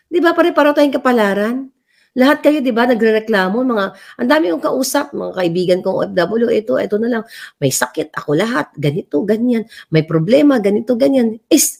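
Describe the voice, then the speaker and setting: Brief: middle-aged Filipino-accented woman vlogger, somewhat high voice, emphatic and rambling, code-switching. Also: sharp tone. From Philippines. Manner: rambling, mixes English and Tagalog; impassioned, emphatic. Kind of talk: casual political commentary.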